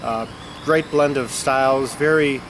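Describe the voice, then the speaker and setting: Speaking at a measured pace in a medium pitch, this Chicago-area record-collecting vlogger sounds stuffed up and congested. He rambles casually about music straight to camera, full of fillers, outside on a summer afternoon where insect and traffic noise fill the background.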